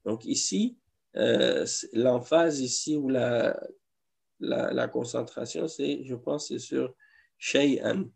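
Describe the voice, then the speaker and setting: A man's voice: mid-range voice, takes it slowly, vocal fry, darkish tone, slightly rough. A man teaching an Arabic class in a mosque classroom, explaining patiently and repeating each example. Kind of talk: classroom lesson.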